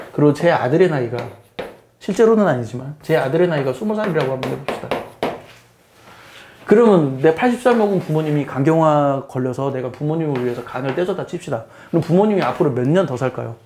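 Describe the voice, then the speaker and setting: A man's voice: on the high side, expressive, fast, background noise. A middle-aged man, a math teacher, giving a casual spoken lecture in a plain explaining tone. He often repeats phrases and puts questions to the listener.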